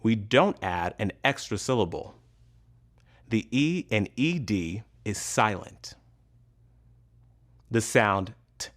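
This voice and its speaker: A man teaching English pronunciation in a scripted lesson, enunciating each sound carefully and pausing between words. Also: lowish voice. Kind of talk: slow, deliberate scripted instruction.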